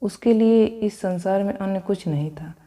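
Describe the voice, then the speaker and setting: A woman narrating a devotional vow story in a steady storytelling manner, with small slips and restarts. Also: mid-range voice, moderate pace.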